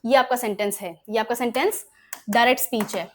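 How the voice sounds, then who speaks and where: Indian woman teacher, high bright voice, grammar lesson in Hindi and English, keeps checking understanding. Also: fairly quick, slight background noise. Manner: explains in Hindi mixed with English examples, asks frequent check questions. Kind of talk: exam-prep grammar lesson.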